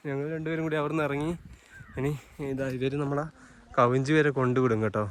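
A travel vlogger from Kerala, India, with a Malayalam accent, chats informally to his viewers while filming on a handheld phone, moving outdoors and riding buses. His medium-pitched voice is steady and quick, with no echo, though loud traffic and engine noise fill the recording.

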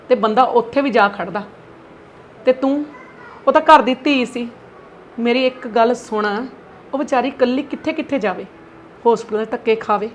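A woman's voice: medium pitch, dull audio, a little hiss or hum, close to an everyday voice. A middle-aged woman playing an aggrieved mother-in-law in a family drama skit, lamenting and scolding dramatically.

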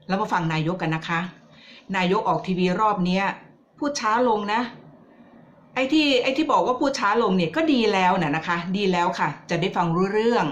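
A woman's voice: mid-range voice, lively intonation, fast, muffled recording. A woman vlogger giving casual political commentary, chatty and teasing as she addresses her viewers directly.

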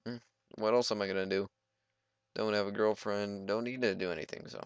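A man's voice: lowish voice, fairly even intonation, a little fast, clear, resonant tone, no echo, lo-fi sound. A young man giving goofy, rambling let's play commentary and talking back to the game.

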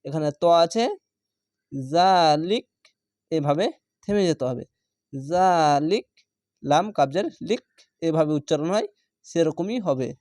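A man teaching Quran reading, spelling out each syllable and then stretching the whole word slowly. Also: a little high, lively intonation, a little mellow, no echo, studio quality. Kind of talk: step-by-step spelling lesson.

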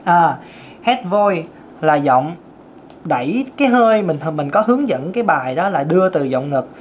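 A man's voice: on the high side, very animated, normal speed, a little hiss or hum. A man, a vocal coach giving a casual singing lesson and talking straight to his viewers. He demonstrates different vocal registers as he explains them. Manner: chatty, addresses viewers directly.

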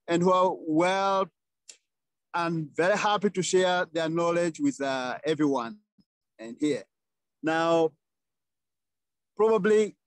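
High-voiced guy from tanzania on a phone call outdoors, halting, lots of uhs, dry sound. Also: dry recording. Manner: halting, many fillers and restarts. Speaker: webinar organizer. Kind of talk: casual introduction. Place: outdoors under trees. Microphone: phone video call.

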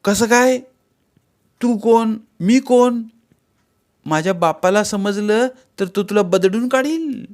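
A man voicing a pert, sharp-tongued young village girl in a read-aloud story. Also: high voice, expressive, moderate pace, pitched above the performer's own voice. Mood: scolding. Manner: pert, scolding.

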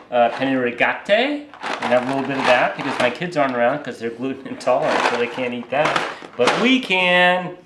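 Man, middle-aged, casual vlog, joking grocery rundown, echoey kitchen, audible noise. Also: mid-range voice. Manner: chatty, joking, listing groceries. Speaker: cook on a road trip. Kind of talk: casual show-and-tell vlog. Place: hotel kitchen.

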